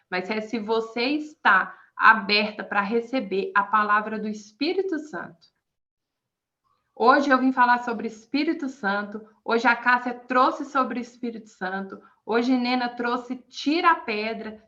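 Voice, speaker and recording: Woman preaching on a video call, kinda high voice, emphatic, muffled call audio. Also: bright, forceful tone. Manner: emphatic, asks the group questions. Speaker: women's group preacher. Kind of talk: informal preaching to a small group.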